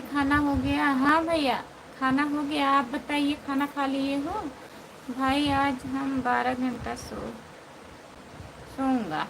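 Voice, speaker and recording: High, slow-talking woman with an Awadhi accent. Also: creaky. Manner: playful, teasing, answers comments by name. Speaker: live-stream host. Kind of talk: casual live-stream chat with viewers. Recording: noisy background ambience.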